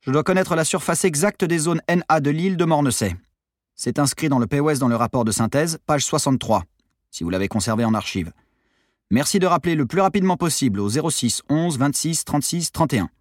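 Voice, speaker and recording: A man's voice: a little high, animated, brisk, dry recording, studio quality. A man voicing an impatient, insistent male police commissioner in an audiobook reading. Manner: insistent, commanding.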